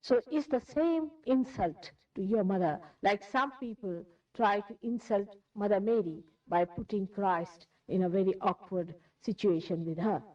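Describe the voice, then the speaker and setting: A woman's voice: mid-range voice, a little mellow, distant mic. Indian woman, spiritual teacher, emphatic lecture style with repeated phrases, voice set back from the mic on a dull lo-fi 1981 tape.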